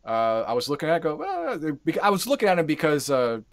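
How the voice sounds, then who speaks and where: A man's voice: on the high side, animated, quick pace. A man co-hosting a game stream, describing games in casual, rambling talk full of fillers. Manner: rambling, many fillers and restarts. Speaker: co-host of a game stream show. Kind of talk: casual game review chat.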